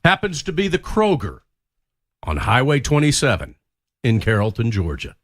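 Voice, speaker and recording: A man's voice: medium pitch, wildly swooping pitch, moderate pace. A man co-hosting a radio show, complaining bluntly. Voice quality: blunt, ranting, politically incorrect cowboy. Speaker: radio co-host. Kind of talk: casual radio chat. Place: radio studio.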